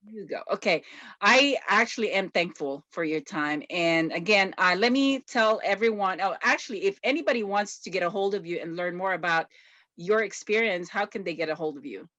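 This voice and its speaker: A woman's voice: mid-range voice, moderate pace, bright, forceful tone, no room sound. A woman from the Philippines hosting an interview, enthusiastic and effusive with praise. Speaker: interview host. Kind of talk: casual interview conversation.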